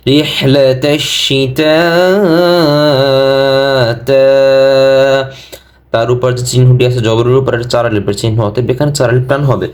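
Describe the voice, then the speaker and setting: A man teaching Quran pronunciation with a Bangladeshi Bengali accent, who chants the words slowly in a higher voice and then explains them quickly in a lower one. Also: steady tone, darkish tone, faint music behind. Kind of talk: slow drawn-out recitation with fast spoken explanations.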